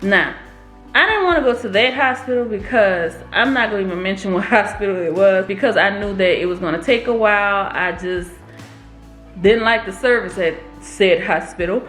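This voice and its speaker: A young woman vlogger telling a story in a casual, animated, expressive way. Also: mid-range voice, moderate pace, faint music behind. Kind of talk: storytime vlog. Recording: roomy echo.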